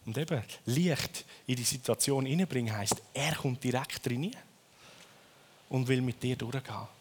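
A man from Switzerland with a Swiss accent, preaching a sermon in a lively storytelling way and often ending his phrases with a questioning tag. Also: mid-range voice, moderate pace, slight background noise.

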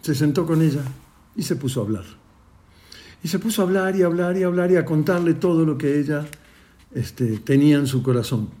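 A man's voice: on the high side, a little fast. A rabbi retells a story, acting out its dialogue and often restarting his phrases. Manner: lively retelling with quoted dialogue and many restarts. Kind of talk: storytelling talk.

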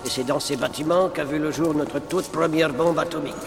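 Gravelly film narrator. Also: male voice, a little high, fairly even intonation, fairly quick. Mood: solemn. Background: loud music.

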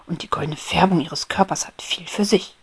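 A woman's voice: lowish voice, moderate pace, husky. A woman voicing a prim, grumpy but polite male rose beetle in a whispered storybook role-play, formal in tone. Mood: courteous. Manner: formal, indignant scolding.

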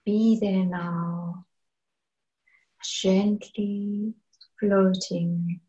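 Very slow, soft, mellow woman guiding meditation. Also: medium pitch, flat delivery, dull audio. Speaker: guided meditation leader. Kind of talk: slow guided meditation narration.

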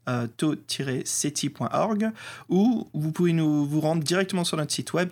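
A man with a French accent co-hosting a podcast in a relaxed, chatty way, often hesitating with fillers. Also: a little high. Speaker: podcast co-host. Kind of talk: casual chat.

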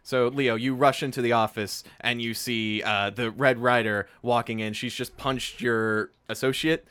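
Man, game master, tabletop narration, easygoing, bright voice. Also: medium pitch, measured pace, clean tone. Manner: relaxed, easygoing narration with fillers.

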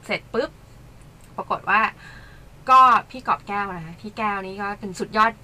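A woman guest in casual chat, telling a story with animated delivery and acting out the quotes. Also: medium pitch, normal speed, slightly rough.

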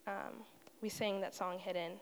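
A woman's voice: mid-range voice, fairly even intonation, moderate pace, a little hiss or hum. A woman giving a sincere, reflective personal testimony at a church service. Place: church sanctuary. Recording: long hall reverb in a sanctuary.

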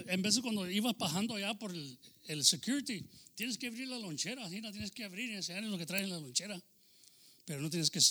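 A man's voice: high-pitched, sharp tone. A man preaching a chatty, informal sermon, telling stories and asking the congregation questions, now and then slipping into English phrases.

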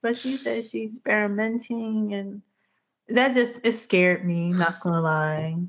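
A woman co-hosting a casual music chat, chatty and quick to laugh, acting out what others said. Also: mid-range voice. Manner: chatty, laughs often, acts out quotes. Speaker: podcast co-host.

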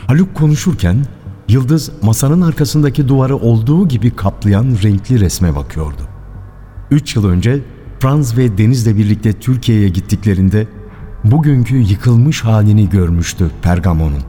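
Deep, mellow male radio narrator. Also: expressive, soft background music. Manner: measured storytelling. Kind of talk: scripted radio drama narration. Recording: long hall reverb.

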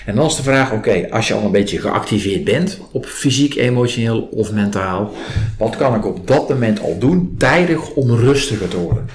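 Low-voiced man explaining, roomy echo. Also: expressive, normal speed. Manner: acts out example questions and client remarks while explaining. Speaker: trainer in a body-based stress release method, interviewed. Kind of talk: explanatory interview talk. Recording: roomy echo, clear background noise.

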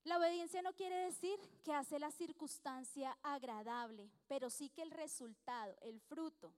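A woman with a high voice gives an earnest church talk mixed with personal testimony. She speaks in a chatty, heartfelt way. Her voice carries with a long echo, as in a church hall. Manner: earnest, chatty, acts out dialogue with frequent small laughs.

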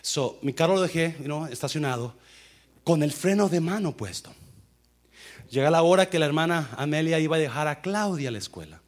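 A middle-aged man, a pastor, telling a story in a sermon with lively sound effects and English phrases mixed in. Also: on the high side, brisk.

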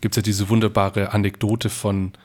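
A man's voice: on the low side, flat delivery, normal speed, darkish tone. Podcast man telling anecdotes. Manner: storytelling, asks questions, works from a list. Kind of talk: casual conversation.

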